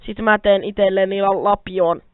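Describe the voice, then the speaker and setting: A young-sounding Minecraft let's player rambles through casual gameplay commentary in a steady, clear, resonant medium-pitched voice, swearing often and grumbling when the game goes wrong. He talks to himself and to viewers. The close, quiet mic gives a thin, phone-like, completely dry sound, with keyboard clicks in the background.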